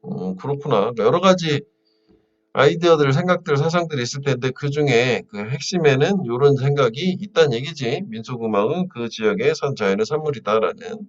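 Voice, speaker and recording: A man walks students through an English passage in a loose, conversational lecture, his pitch rising and falling a lot. He sounds a little far from the mic, and the recording is dull. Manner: casual spoken style, fillers, asks students checking questions. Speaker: English teacher.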